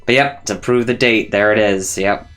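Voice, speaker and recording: Low-pitched man rambling through game commentary. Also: moderate pace, a bit bright. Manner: rambling, thinking aloud in loose asides. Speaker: gaming video host. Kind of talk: casual let's play commentary. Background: faint game music.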